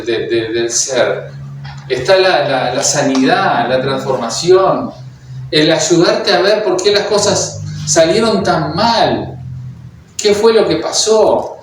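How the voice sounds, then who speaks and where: Preaching a sermon in a church hall, this Uruguayan man speaks with a Uruguayan Spanish accent and stumbles through hesitations, fillers, and restarts. His voice is on the high side, with background noise, and he's recorded from afar in a very echoey hall.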